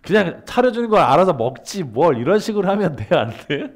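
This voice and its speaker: A man's voice: high-pitched, brisk. A man giving a humanities lecture, asking questions and then answering them himself, and acting out everyday dialogues. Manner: acts out everyday dialogue in lively voices.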